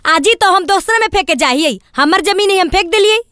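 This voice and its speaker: Shrill, brusque woman with Magahi accent. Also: expressive, fairly quick, pushed and bright, no room sound, clean studio sound. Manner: brusque, dismissive. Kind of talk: scripted village comedy skit.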